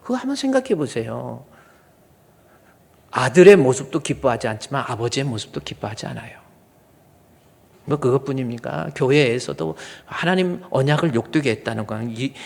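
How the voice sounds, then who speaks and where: A man's voice: mid-range voice, gravelly. A male pastor preaching a sermon with earnest emphasis, now and then acting out angry fathers in quoted asides. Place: church sanctuary. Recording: long hall reverb.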